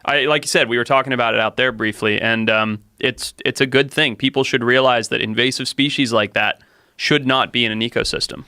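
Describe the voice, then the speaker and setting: Bright, smooth-voiced Zimbabwe-raised man. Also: medium pitch, steady tone, a little fast, no room sound, clean studio sound. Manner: enthusiastic storyteller, laughs often. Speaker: podcast guest, wildlife enthusiast. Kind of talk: casual chat.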